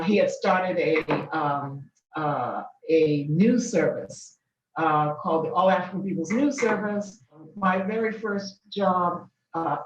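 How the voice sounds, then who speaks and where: An older woman from Boston, Massachusetts, a business founder, is interviewed as a guest about her career, speaking at a fairly low pitch in a measured, reflective, thoughtful way with many ums and restarts. The lo-fi recording is muffled, distant, dull and echoey, with faint hiss and noise.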